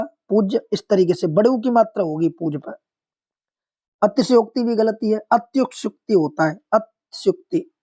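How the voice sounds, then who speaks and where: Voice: medium pitch, warm tone. A Hindi exam-prep teacher working methodically through practice questions, repeating each corrected word and speaking directly to students. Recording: dull lo-fi recording.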